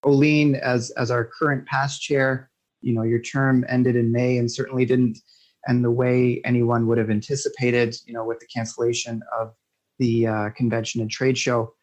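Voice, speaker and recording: A man's voice: medium pitch, level tone, moderate pace, a little mellow. A man hosting a podcast interview, asking questions in a friendly, informal way with frequent fillers and restarts. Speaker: podcast host.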